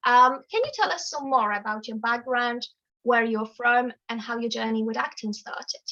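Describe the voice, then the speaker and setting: A woman co-host introducing her guest and asking questions, reading in a measured, formal way over a video call. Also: a little high, pushed and bright. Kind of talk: scripted guest introduction, then interview questions. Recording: dull lo-fi call audio.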